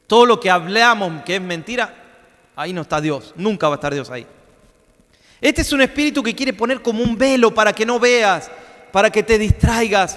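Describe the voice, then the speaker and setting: Male pastor, high voice, emphatic sermon delivery with repetition, recorded with long hall reverb. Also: a bit bright. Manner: emphatic preaching, repeats phrases and slows down to stress them. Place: church.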